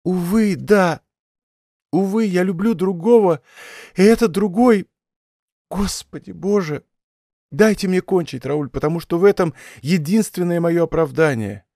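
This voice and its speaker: A man's voice: high-pitched, mellow, no echo, studio quality. A man voicing a desperate young noblewoman who pleads and implores in love, reading in an audiobook. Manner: tearful imploring, rising to cries.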